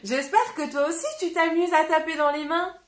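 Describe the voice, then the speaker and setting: A woman teacher giving an interactive read-aloud lesson, playful and exaggerated, sounding out words slowly for children. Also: very high-pitched, steady tone. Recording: roomy echo.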